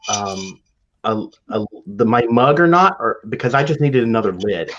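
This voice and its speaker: A man's voice: on the low side, lively intonation, normal speed, a bit bright. Wry rambling man on a dull call line. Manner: rambling, wry, self-deprecating. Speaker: podcast co-host. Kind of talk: casual chat.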